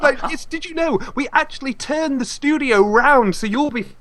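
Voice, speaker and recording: A man's voice: very high-pitched, normal speed, very noisy. A man with a Teesside accent chatting casually on a podcast, swearing freely and riffing on jokes. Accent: Teesside English. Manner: crude, swearing, joking riffs.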